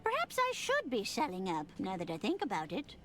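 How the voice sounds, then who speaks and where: A woman's voice: medium pitch, wildly swooping pitch, fairly quick, a bit bright, faint music behind. A woman playing an elderly, shrewd railway matriarch in a comedic game, grand, wry and amused. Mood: dry. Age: older. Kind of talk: comedic adventure game acting.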